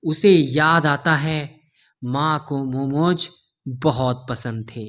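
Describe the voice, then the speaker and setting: Male storyteller, heartfelt, calls listeners friends, slow delivery, fairly high voice. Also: a bit bright. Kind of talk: emotional storytelling narration.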